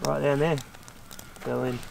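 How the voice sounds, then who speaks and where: A man's voice: medium pitch, vocal fry. A middle-aged Australian man joking and poking fun at himself at a snowy campsite, laughing often. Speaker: camping companion. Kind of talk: casual banter. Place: snowy bush campsite outdoors. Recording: noisy outdoor camera audio.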